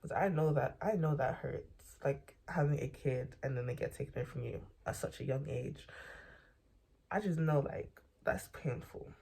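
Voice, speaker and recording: Young adult vlogger, mellow husky voice, rambling, casual slang, late-night talk from bed. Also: mid-range voice, moderate pace.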